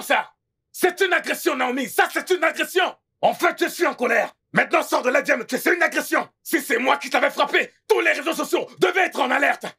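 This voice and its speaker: An actor dubbing an exasperated, sarcastic husband who rants theatrically and pities himself, with a gravelly, raspy voice. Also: male voice, sits high, pushed and bright, full character voice. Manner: theatrical, self-pitying rants. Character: exasperated sarcastic husband, middle-aged man. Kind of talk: dubbed film acting.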